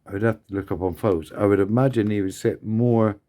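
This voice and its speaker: A man's voice: on the low side, fast talker, warm tone. Mumbling man thinking aloud while building. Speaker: scale model builder. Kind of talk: casual workbench commentary.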